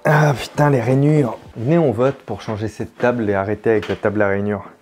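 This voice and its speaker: A man's voice: medium pitch, fairly even intonation, brisk, darkish tone, faint music behind. A French man hosting a puzzle video, thinking aloud casually as he works, with jokes and mild swearing. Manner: casual, swears in surprise, jokey.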